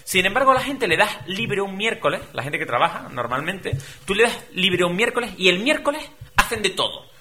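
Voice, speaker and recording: A middle-aged man from Spain talking on a radio show, animated and conversational, full of rhetorical questions and quoted voices. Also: high voice, a little fast, few pauses. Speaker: guest speaker.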